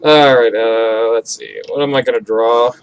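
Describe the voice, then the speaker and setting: A man's voice: mid-range voice, fairly even intonation, normal speed, a little hiss or hum. A man chatting casually on a stream while drawing, rambling and swearing freely. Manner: rambling, profane.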